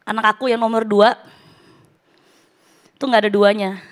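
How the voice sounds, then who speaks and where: A woman's voice: medium pitch, little pitch movement, normal speed. Woman preaching a casual sermon. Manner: casual, mixes English phrases into speech. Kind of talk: conversational sermon.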